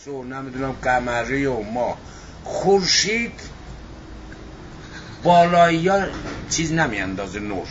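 A man's voice: mid-range voice, lively intonation. Rambling man over background noise. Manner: rambling, halting explanations. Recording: dull sound with clear background noise.

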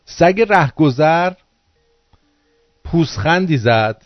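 Male radio host, angry crude rant, slightly high voice, dull lo-fi sound. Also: animated, dry recording, faint music behind. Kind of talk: ranting political monologue.

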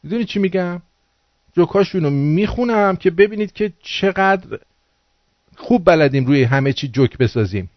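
On a call-in radio program, a man scolds his audience in an angry, vulgar political monologue. His voice is high and expressive, and the recording is dull, lo-fi, dry, and echo-free.

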